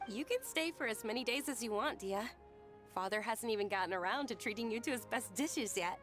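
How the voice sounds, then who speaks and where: A kind, sheltered young noblewoman speaks softly and politely in a slightly raised voice. Faint game music sits under her lines. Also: on the high side, animated, brisk. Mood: gentle.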